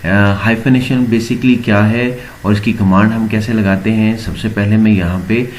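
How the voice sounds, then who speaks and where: A man explaining a word processor step by step in a screen-recorded tutorial, pausing often with filler sounds. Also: on the low side, a little hiss or hum. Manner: steady explaining with frequent filler pauses. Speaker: computer teacher.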